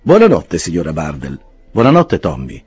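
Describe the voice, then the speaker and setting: A man reading an audiobook, voicing a smug young law clerk with falsely polite, drawn-out phrasing. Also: very deep voice, wildly swooping pitch, darkish tone, slightly rough, faint music behind, exaggerated voice.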